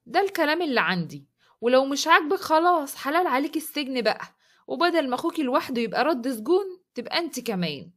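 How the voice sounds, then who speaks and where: Storybook role: a woman voicing an arrogant domineering man, Egyptian Arabic, scornful commands delivered quickly. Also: sits high, big pitch swings. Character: arrogant cruel young man, domineering husband.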